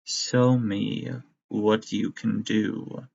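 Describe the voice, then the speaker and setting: A man doing a quiet, sinister bird-skulled doctor. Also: fairly low pitch, little pitch movement, gravelly, a little hiss or hum, full character voice. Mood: cold, menacing. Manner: quiet, slow and menacing. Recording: dry, slightly muffled audio.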